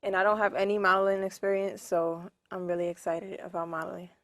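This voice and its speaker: A young woman from New York answering interview questions, soft-spoken and hesitant with many pauses. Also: mid-range voice, level tone, dry recording, studio quality. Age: young adult. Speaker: guest.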